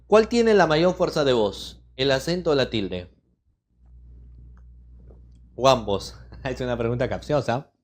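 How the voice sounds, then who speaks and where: Man, middle-aged, workshop instructor, measured listing cadence, rhetorical check-in questions. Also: medium pitch. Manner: asks students rhetorical questions, checking in with a repeated "¿no?"; lists terms in a steady, measured cadence. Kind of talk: online legal writing lesson.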